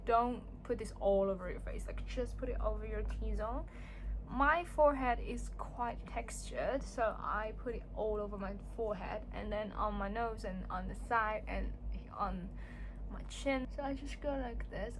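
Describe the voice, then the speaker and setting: At home, a young beauty vlogger whose first language is Cantonese chats casually and pokes fun at herself while doing her skincare routine in a get-ready-with-me video. Her voice sits on the high side with a fairly bright tone, and there's a little hiss or hum.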